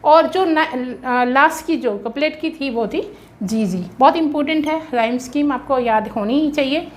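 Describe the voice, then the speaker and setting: A high-voiced Indian woman teaches an exam-prep lesson, explaining patiently and pausing often to make sure her students follow. While drilling rhyme schemes, she spells them out slowly, letter by letter.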